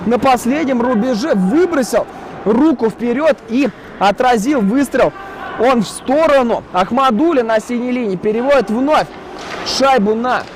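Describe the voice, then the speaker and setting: Male hockey commentator, high voice, excitable play-by-play delivery, recorded over clear venue noise. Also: measured pace. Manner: excited, rising exclamations on chances and saves. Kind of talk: live ice hockey commentary.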